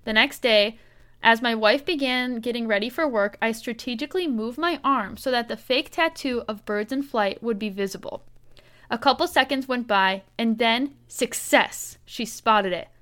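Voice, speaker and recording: Smooth-voiced woman podcast co-host. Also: fairly high pitch, moderate pace. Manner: warm reactions, frequent laughter. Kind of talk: casual chat, reading listener stories aloud.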